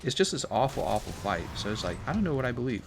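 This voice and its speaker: A man's voice: mid-range voice, sing-song, fast, creaky, background noise. A man from Missouri chatting casually on a game live stream, rambling and reading chat comments aloud with frequent laughs. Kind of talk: casual chat while gaming.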